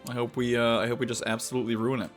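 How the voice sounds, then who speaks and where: Young man, casual game commentary, halting and rambling, medium pitch, faint background music. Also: little pitch movement. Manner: rambling, halting, many fillers and restarts. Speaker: gaming video host.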